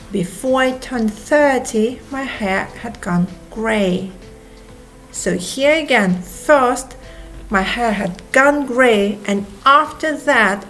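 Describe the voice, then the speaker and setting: Teaching grammar slowly and clearly, this woman, an English teacher, runs drills and says every example twice. Her voice is on the high side, and soft music plays underneath.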